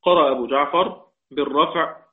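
A man with an Egyptian accent teaching the Quranic readings, drawing out quoted verses slowly and checking in with his listeners. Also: on the high side. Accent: Egyptian Arabic. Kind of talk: religious lesson explaining a poem on the readings. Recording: tinny phone-like audio.

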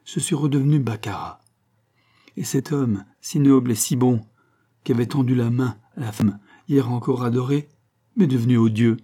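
A man's voice: medium pitch, normal speed, dark tone, breathy edge, natural voice. A man voicing a scheming woman posing as a countess in an audiobook, speaking in a theatrical, pleading manner. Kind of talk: audiobook character reading.

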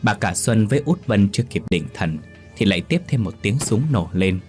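A man reading a ghost story aloud in scripted narration, steady and solemn. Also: on the low side, normal speed. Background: faint music.

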